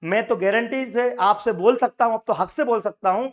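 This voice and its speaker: Hoarse high-voiced man rallying aspirants. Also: moderate pace. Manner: emphatic, rallying, repeats key points. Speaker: coaching teacher and union leader. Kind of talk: direct address to exam aspirants.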